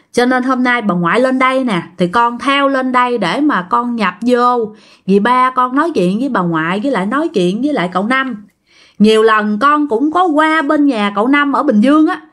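A woman's voice: a little high, a bit bright. A woman voicing the spirit of a dead young man who speaks through a living relative and scolds harshly.

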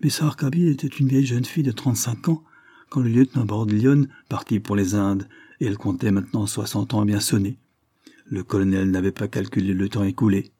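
Male audiobook narrator, husky, low, dark voice, measured delivery, dry close sound. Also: steady tone, dry recording. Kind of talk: scripted narration.

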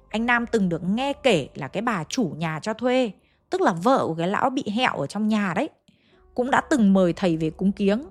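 Chatty woman telling a ghost story. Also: medium pitch. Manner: chatty, colloquial, addressing listeners. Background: faint music.

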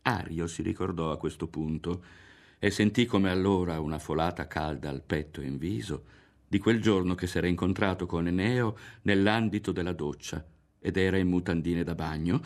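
A man reading a literary novel aloud in a measured, expressive way. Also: low voice. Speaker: audiobook reader. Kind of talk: literary audiobook narration.

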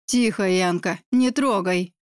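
A woman reading it as a brusque young man, curt and dismissive, in a slightly lowered voice. Smooth, dry sound. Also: unhurried, fairly bright tone, dry recording.

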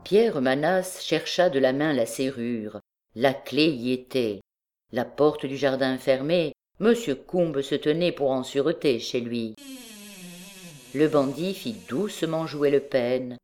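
A woman's voice: rumbling low, slow pace, darkish tone. Woman reading a classic novel aloud. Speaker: audiobook narrator. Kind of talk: scripted narration of a classic novel.

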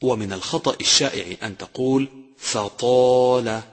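A man teaching Quran recitation, slowly and carefully sounding out each example word. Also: mid-range voice, expressive, husky. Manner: slow, deliberate demonstration of pronunciation. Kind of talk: instructional lesson with recited examples. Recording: long hall reverb.

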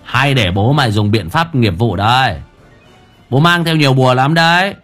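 A man's voice: medium pitch, normal speed, a bit bright, soft background music, pitched above the performer's own voice, natural voice. A man playing a boastful, crude old exorcist who talks with swaggering threats. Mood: cocky bragging.

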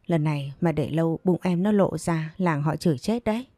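A woman's voice: low voice, normal speed, warm tone, dry recording. A woman voicing a defiant young pregnant village woman who argues back and pleads. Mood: pleading.

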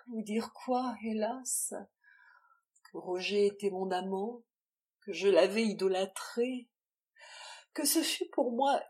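A woman's voice: medium pitch, darkish tone, lightly acted. A woman reading the part of an anguished young woman confessing a secret child, in a despairing, impassioned way. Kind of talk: audiobook character reading.

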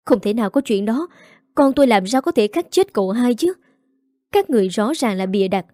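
This is a woman reading a storybook mother, frantic and tearful, her voice climbing as she wails. The tone stays dark and mellow, and the room is dry and close. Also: a little high, expressive, brisk, dry recording, lightly acted. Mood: outraged. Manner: wailing, pleading. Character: grieving desperate mother, middle-aged woman.

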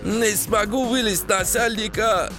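Guy putting on a high whiny foreman, broken russian, panicky and begging, storybook reading with faint music. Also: huge pitch swings, slow pace, heavily acted. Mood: whimpering. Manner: whiny, pleading, high-pitched.

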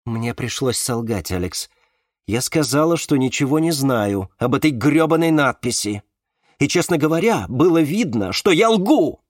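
A man reading a novel aloud, voicing a bitter, sharp-tongued young woman with a raised, biting voice. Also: medium pitch, animated, normal speed, no room sound, studio quality, natural voice. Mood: distraught. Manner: scornful, biting.

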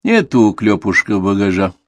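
A man's voice: fairly low pitch, very animated, moderate pace, no room sound. A man voicing a young man just back from a journey, who speaks plainly and easily to his sister. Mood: easy.

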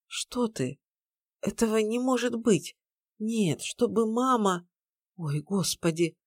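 A woman reading an audiobook, voicing a gentle, anxious young pregnant woman who pleads tearfully. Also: medium pitch, dry recording, clean studio sound, voice pushed up, close to an everyday voice.

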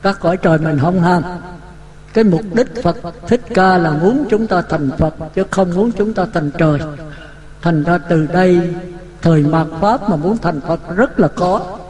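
A man's voice: sits high, unhurried, a little mellow. A man giving a Buddhist dharma talk, vivid and full of rhetorical questions. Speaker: Buddhist monk teaching. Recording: echoey hall.

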